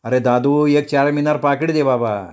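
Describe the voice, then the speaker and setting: A man voicing an eager, servile hanger-on who pleads with a shopkeeper and shouts across the street. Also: mid-range voice, fairly even intonation, moderate pace, natural voice. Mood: calling out. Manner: pleading and calling out loudly.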